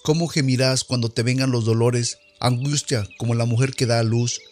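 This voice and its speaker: A man reading scripture aloud in a solemn, measured, declamatory way. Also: medium pitch, steady tone, darkish tone, soft background music. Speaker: scripture reader.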